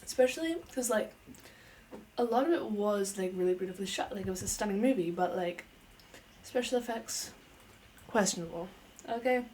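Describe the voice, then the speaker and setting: A woman's voice: mid-range voice, animated, moderate pace, pauses often, a little mellow, a little hiss or hum. A young adult woman giving an unscripted casual review as a vlogger, chatty and playful, talking with lots of fillers.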